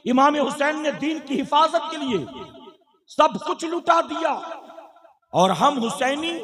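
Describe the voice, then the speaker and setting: A man with an Indian Urdu accent giving an impassioned sermon to a gathering, rising to shouted emphasis and putting questions to the crowd. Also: very high voice. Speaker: Islamic preacher. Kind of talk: fiery sermon. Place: large hall with an audience. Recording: long hall reverb.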